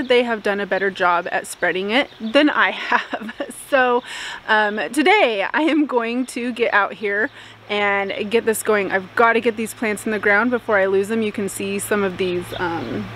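A woman's voice: mid-range voice, a little hiss or hum. Woman, thirties, casual garden vlog, handheld camera outdoors, easygoing with filler words, faint insect ambience. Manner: relaxed, frequent "um" fillers, light laughs. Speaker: homestead vlogger. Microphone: camera held at arm's length.

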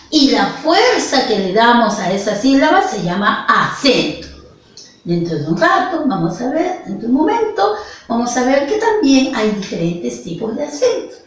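A woman's voice: fairly high pitch, far from the mic. A woman with a Peruvian accent teaching a virtual lesson to young children, speaking affectionately and stretching her words so they can follow. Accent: Peruvian Spanish. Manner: affectionate, slow and exaggerated for small children. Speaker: primary school teacher. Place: classroom with a whiteboard. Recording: echoey room, away from the mic.

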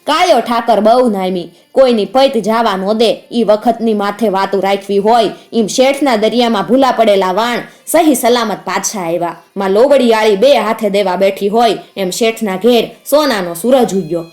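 A woman's voice: medium pitch, normal speed, few pauses, a little mellow, lightly acted. A woman voicing an older male folk bard who recites in a rhythmic, proud way with a Kathiyawadi Gujarati accent.

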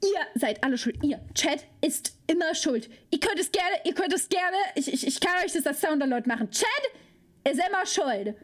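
A woman's voice: sits high, lively intonation, moderate pace. A young woman streaming as a VTuber, chatting with her viewers and protesting in dramatic squeals. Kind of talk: live stream reaction chat.

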